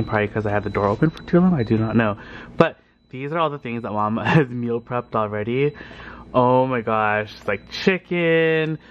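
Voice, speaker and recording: A young man vlogs at home in his kitchen and bedroom, holding the camera at arm's length and chatting casually while laughing often. His voice is medium-pitched, with slight background noise.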